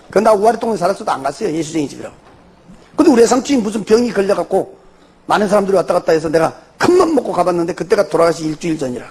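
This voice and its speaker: Middle-aged male pastor, Jeolla Korean accent, high husky voice, lively rise and fall, animated testimony sermon with rhetorical questions. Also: racing.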